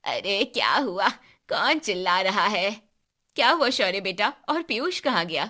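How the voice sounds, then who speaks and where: Caring cartoon mom, bright and fussy, voiced by a woman. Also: medium pitch, very animated, measured pace, exaggerated voice. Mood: concerned.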